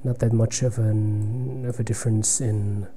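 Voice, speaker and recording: A soft-spoken man whose first language is German commentates live on his own online blitz chess game. Thinking aloud in a lowish, level voice, he halts often and drops to a near-whisper while calculating, with slight background noise.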